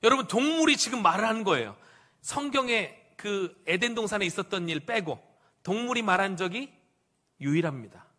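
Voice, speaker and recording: Male pastor, animated sermon storyteller, high and bright voice, asks the congregation questions. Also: a little fast. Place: church sanctuary.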